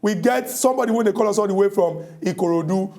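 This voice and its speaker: Fast-talking Nigerian Pidgin man, radio host. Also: high voice, darkish tone. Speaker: radio call-in show host. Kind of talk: conversational call-in hosting.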